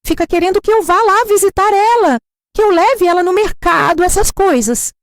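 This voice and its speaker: A woman's voice: moderate pace, dry recording. A woman with a Brazilian accent voicing a young, fake-sweet granddaughter who talks in a breezy, dismissive way. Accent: Brazilian Portuguese. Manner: high-pitched, breezy and dismissive.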